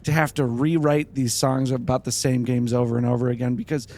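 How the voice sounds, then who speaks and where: A man's voice: medium pitch, flat delivery, brisk, mellow, lightly acted. A man playing a hapless failed comedian stuck in hell, rambling and self-deprecating in an improvised comedy podcast. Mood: self-pitying.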